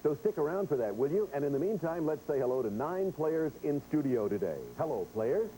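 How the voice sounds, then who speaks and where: A man's voice: on the high side, expressive, fairly quick, dark tone, a little hiss or hum, low-quality recording. A man hosting a game show, chatting directly to players and viewers as he explains rules and reads quiz questions. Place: television studio.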